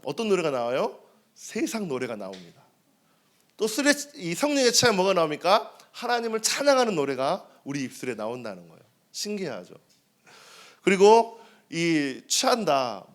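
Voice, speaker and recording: Male pastor, 30s, animated sermon delivery, frequent rhetorical questions to the pews. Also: sits high. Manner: lively, asks the congregation questions and answers them. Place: church sanctuary.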